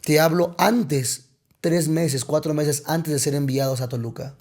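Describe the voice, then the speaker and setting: A man's voice: on the high side, unhurried, a little mellow. A young adult man from Mexico, a pastor telling a personal testimony on a podcast, emotional and repeating words for weight.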